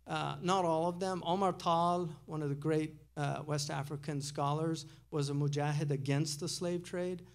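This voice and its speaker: Male lecturer, gravelly and a bit high, chatty and digressive with an audience. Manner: conversational, digressive, chuckles as he talks. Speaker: speaker giving a public lecture. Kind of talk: casual lecture. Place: lecture hall.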